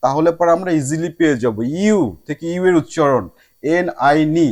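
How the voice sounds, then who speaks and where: A man with a high voice teaches a spoken lesson to his viewers. He slips English phrases into his sentences and drags each example word out slowly so it can be heard part by part. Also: darkish tone. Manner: slow drawn-out word demonstrations; mixes English phrases into speech.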